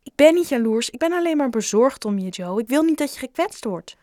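Hurt chubby schoolboy voiced by a woman, high pleading voice, dry close sound, children's audiobook. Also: lively intonation, brisk, darkish tone, no echo. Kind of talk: audiobook character voice.

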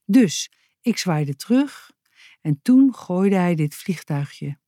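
A woman's voice: on the low side, animated, slow pace, dark tone, no room sound, clean studio sound. A woman voicing a friendly, chatty man who cleans at a prison, in a children's story.

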